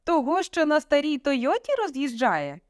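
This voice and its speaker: A woman voicing a stern, domineering middle-aged father who shouts and sneers at his daughter in a read-aloud story. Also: a little high, animated, normal speed, dry recording, clean studio sound, pitched above the performer's own voice, natural voice. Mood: furious. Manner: shouting, sarcastic, commanding.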